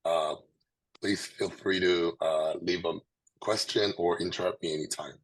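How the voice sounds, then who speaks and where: A man with a hoarse, swollen sore-throat voice, giving a halting scientific presentation. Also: deep voice, fairly even intonation, low-quality recording. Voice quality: hoarse, husky. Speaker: presenter, researcher.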